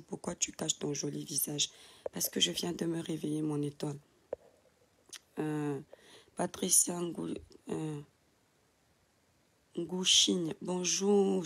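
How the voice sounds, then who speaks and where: Just-woken woman with gravelly voice. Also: low-pitched. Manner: affectionate, calls viewers "my star", reads names with hesitant fillers. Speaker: live streamer greeting viewers. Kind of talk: casual audio-only live chat, reading out viewer comments. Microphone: phone, audio only.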